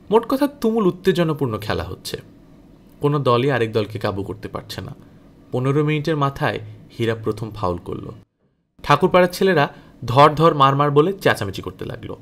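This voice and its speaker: With a mid-range voice, a man reads from a novel for an audiobook, giving the story an expressive and dramatic telling.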